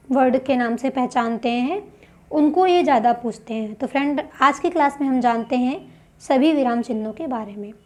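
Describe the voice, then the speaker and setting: A woman's voice: high-pitched, mellow. A woman teaching a grammar lesson for exam prep. She explains step by step and asks questions that she then answers herself.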